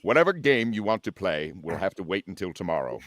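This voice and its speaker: A man's voice: low voice, very animated, brisk, fairly bright tone, dry recording. A man in an amateur live script read playing a dignified, easily irritated male starship captain in a formal, firm manner.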